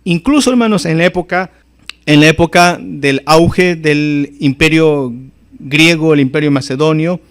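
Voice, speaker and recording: A pastor preaches emphatically in a slightly high voice at a somewhat slow pace. He often calls out to his listeners as brothers and sisters, his voice rising sharply on key phrases.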